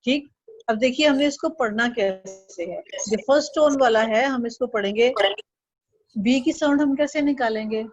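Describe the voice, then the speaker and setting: A woman's voice: fairly high pitch, moderate pace, no echo, dull audio, faint music behind. A woman teaching an online Chinese lesson, patiently drilling syllables and tones for the student to repeat.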